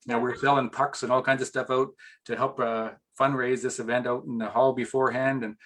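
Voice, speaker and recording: A man's voice: mid-range voice, little pitch movement, brisk, a bit bright. A middle-aged man as an interview guest, chatting casually and rambling with restarts, getting emotional at times.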